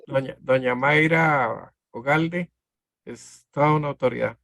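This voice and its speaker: Earnest Costa Rican church leader, gravelly, teaching informally. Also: male voice, medium pitch, a bit bright, dry recording, clean studio sound. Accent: Costa Rican Spanish. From Costa Rica. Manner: earnest, halting with repeated words. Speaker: church leader leading Bible study. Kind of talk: casual teaching in a church group.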